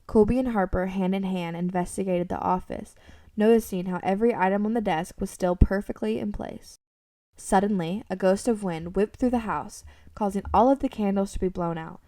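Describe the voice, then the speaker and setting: With a mellow, medium-pitched voice and a moderate pace, a woman delivers scripted story narration for an amateur radio drama. The room recording places her slightly away from the microphone, giving a roomy, distant feel.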